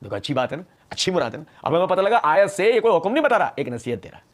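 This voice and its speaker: A man giving a polemical religious lecture, speaking in an animated, emphatic and sarcastic way. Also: a little high. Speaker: religious scholar.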